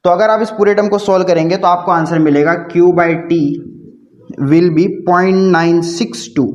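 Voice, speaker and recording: A man's voice: high voice, a little mellow. A man teaching a physics lesson, solving numericals in a reassuring tone and drawing out words as he writes. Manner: reassuring, calls students बच्चों, stretches words while writing. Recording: dull lo-fi sound in an echoey room.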